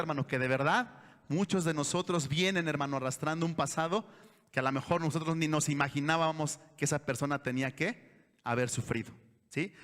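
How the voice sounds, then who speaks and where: A fairly high-voiced man preaches an earnest sermon, pleading with his congregation and tossing them rhetorical questions. His voice carries a long reverb from a church hall. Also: fairly bright tone. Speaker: pastor. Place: church sanctuary.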